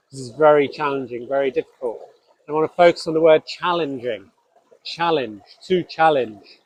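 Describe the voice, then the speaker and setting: A Scottish-born man with no accent and a fairly high voice hosts a spiritual podcast, giving a reflective solo talk. He sounds earnest and halting, restarting often. The recording has no echo but is low quality.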